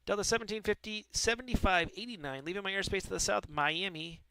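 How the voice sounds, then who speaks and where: A man's voice: high voice, fast, sharp tone, smooth. A man working as an air traffic controller on a stream, mixing procedural calls with informal, wry banter.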